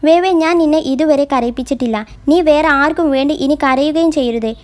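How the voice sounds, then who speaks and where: Brief: calm, gently teasing young boyfriend from a romance drama retelling, voiced by a woman storyteller, high voice. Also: brisk, natural voice. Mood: tender. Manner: gentle, reassuring, quietly playful.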